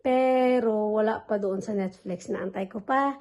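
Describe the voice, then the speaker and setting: A woman's voice: mid-range voice, a little slow, a little mellow. A young woman vlogging as a mother, chatting casually in a mix of Tagalog and English and slipping into sing-song baby talk with her infant. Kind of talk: casual family vlog chat.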